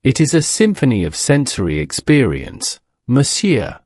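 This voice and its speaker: A man's voice: medium pitch, wildly swooping pitch, normal speed, a little mellow, no room sound, studio quality. A man voicing a theatrical, indignant French illusionist with a thick, resonant accent. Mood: proud.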